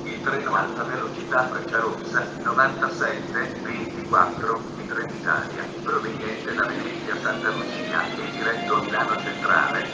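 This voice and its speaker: A far-off loudspeaker carries a man's flat, formal station announcement across a railway platform. His phrasing is measured, impersonal and pieced together like an automated system. The sound washes out in long, hall-like reverb under heavy train noise. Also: lowish voice, muffled recording. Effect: public address loudspeaker. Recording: distant echoing station PA, loud train noise. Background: trains and station ambience.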